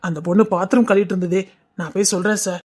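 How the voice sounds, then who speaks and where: A man doing an eager, quick office clerk. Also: high-pitched, steady tone, darkish tone. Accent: Tirunelveli Tamil. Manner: quick, deferential, says sir.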